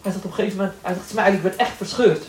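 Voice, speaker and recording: A man giving a lively lecture to a class, quick and joking, acting out the people in his stories. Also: sits high. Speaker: Islamic lecturer. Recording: echoey room, voice from a distance, faint noise.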